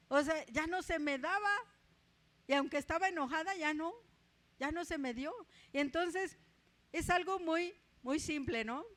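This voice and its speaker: A Mexican woman with a Mexican accent preaching a conversational sermon, often tagging her points with a quick aside and telling personal stories with humor. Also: high-pitched, a bit bright. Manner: chatty, tags asides with ¿verdad?, tells personal stories with humor.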